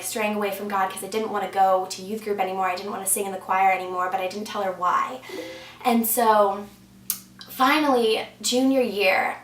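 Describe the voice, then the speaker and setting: Earnest young woman, bright and roomy. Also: mid-range voice. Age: young adult. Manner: earnest, conversational, frequent "like" and "um". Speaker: church member sharing her testimony. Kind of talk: personal faith testimony. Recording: roomy sound from a distance.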